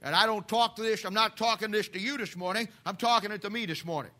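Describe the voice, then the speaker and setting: A man in his fifties preaches to his church in a fervent, folksy way, circling back on his phrases. His voice sits high for a man and comes across sharp and forceful. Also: fast. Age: 50s. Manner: impassioned preaching with folksy asides and repetitions. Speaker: pastor. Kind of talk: sermon.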